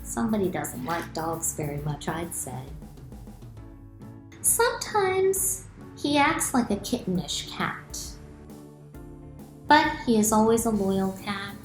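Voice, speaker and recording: Clearly addressing children, a middle-aged author reads and explains expressively in a medium-pitched voice, going slowly and pausing often. She's in an echoey small room at home with soft music in the background.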